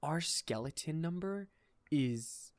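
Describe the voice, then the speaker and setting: A young man in his twenties hosting a casual podcast chat, animated, laughing often and filling his talk with "like" and "dude". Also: on the high side, takes it slowly, dry recording. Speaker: podcast host.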